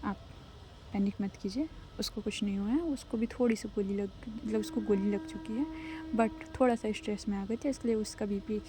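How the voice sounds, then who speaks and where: A woman voicing a calm young woman reassuring a worried mother. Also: mid-range voice, normal speed, lightly acted. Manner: gently reassuring.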